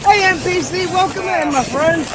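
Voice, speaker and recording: A man's voice: extremely high pitch, moderate pace, over a noisy crowd, heavy background noise. A man commenting casually on a livestream, rambling with fillers and restarts. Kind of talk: casual chat over videos.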